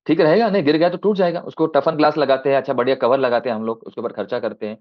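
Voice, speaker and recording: Male devotional speaker, mid-pitched, storytelling sermon over a dull video call; acts out both sides of a dialogue. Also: fairly even intonation, very fast. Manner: acts out a child and father in dialogue, rising high and dropping soft; mixes in English phrases.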